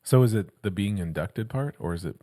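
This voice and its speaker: A man co-hosting a podcast, speaking in a measured way and asking clarifying questions in casual chat. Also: fairly low pitch, animated, mellow. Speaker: podcast co-host.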